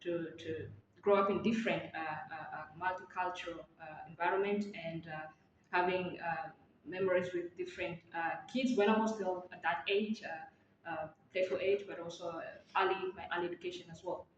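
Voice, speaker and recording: A woman from Tanzania answers interview questions in a fairly low voice, pausing often and restarting her phrases. The audio is echoey and a little dull, with faint noise behind her. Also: steady tone. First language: Maa. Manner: hesitant, many fillers and restarts.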